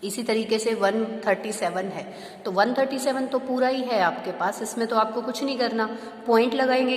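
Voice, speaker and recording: A woman's voice: a little high, reverberant, long reverb tail. A woman maths teacher explaining step by step to young students, patient and asking them questions as she goes. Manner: checks understanding with rhetorical questions. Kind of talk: classroom lesson explaining to students.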